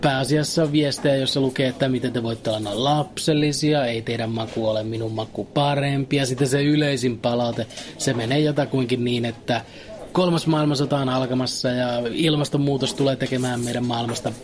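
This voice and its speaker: A man tells an absurd comic story with a straight face, in a voice of ordinary middle pitch. His delivery is dry and matter-of-fact, with the odd hesitant filler between thoughts. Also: steady tone. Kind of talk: deadpan absurd comic monologue.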